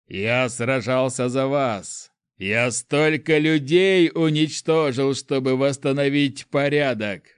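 A man's voice: mid-range voice, fairly bright tone, no room sound, clean studio sound, heavily acted. A man voicing an arrogant young prince who roars and spits contempt in an audiobook. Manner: roaring, spitting contempt. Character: enraged young male prince, arrogant and wounded.

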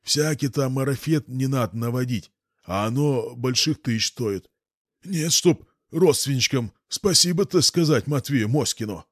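A man's voice: medium pitch, measured pace, no echo, clean studio sound, pitched above the performer's own voice, lightly acted. A man doing a stammering drunk old watchman. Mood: whining. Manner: stammering, wheedling, self-pitying. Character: frightened drunk old village morgue watchman, whining.

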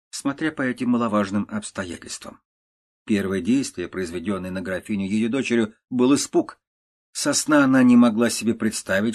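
Low-voiced male audiobook narrator. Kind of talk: audiobook reading of classic prose.

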